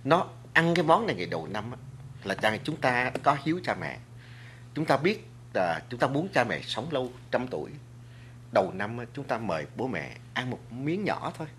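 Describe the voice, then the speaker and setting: Animated male guest lecturing earnestly. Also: medium pitch, normal speed, slight background noise. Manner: earnest, lecturing, addresses the audience; many restarts and filler words. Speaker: guest speaker on food and culture. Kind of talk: studio talk show discussion.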